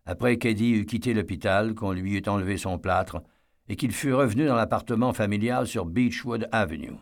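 Low gravelly guy narrating an audiobook, steady and measured. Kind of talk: scripted narration.

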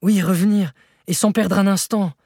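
A man's voice: high voice, fairly even intonation, measured pace, vocal fry, darkish tone, husky, dry recording, studio quality, voice pushed up, heavily acted. A man voicing an exhausted, desperate young man who pleads urgently to turn back.

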